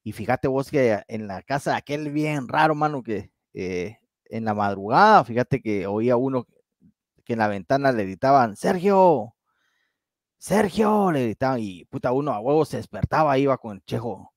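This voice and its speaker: A man's voice: medium pitch, normal speed, no room sound, clean studio sound. A man with a Guatemalan Spanish accent, co-hosting a casual talk show, colloquial and swearing freely as he tells a ghost story. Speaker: co-host.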